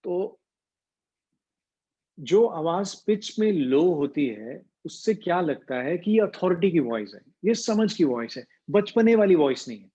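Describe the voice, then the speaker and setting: A man leads a voice training class, moving between Hindi and English. His voice sits a little high, and he hums to show how pitch moves. The sound is muffled and lo-fi, like a video call. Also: expressive, mellow, husky. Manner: mixes Hindi with English, demonstrates pitch with hums and slow pauses. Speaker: voice coach.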